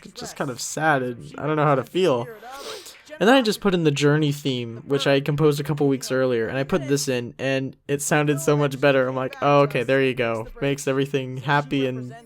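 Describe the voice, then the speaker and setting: A young man who created an animated parody series rambles through a casual commentary track, criticizing himself and often trailing off mid-thought. His medium-pitched voice moves a little fast.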